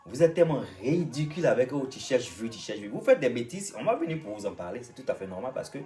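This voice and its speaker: A man's voice: medium pitch, big pitch swings, quick pace, mellow, recorded from a distance. An Ivorian-accented man delivers a vlog rant, talking straight at the person he criticizes and repeating his points like a lesson. He sits back from the mic, and faint music runs underneath. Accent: Ivorian French. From Côte d'Ivoire. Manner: lecturing, repetitive, addresses his target directly. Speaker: vlogger and singer. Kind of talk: ranting monologue to the camera.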